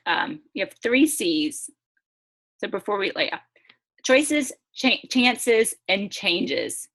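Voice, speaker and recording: A woman's voice: mid-range voice, sharp tone. Upbeat woman hosting a video webinar. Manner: upbeat, chatty, breaks into laughs. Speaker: host. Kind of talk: casual webinar presentation. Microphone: video call.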